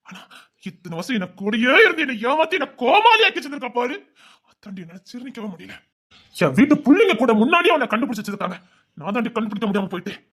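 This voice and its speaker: A man's voice: slightly rough, heavily acted. A man with a Tirunelveli Tamil accent, voicing a wronged and vengeful husband in a dubbed family drama, scolding bitterly. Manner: bitter, scolding, swinging between shouts and low mutters.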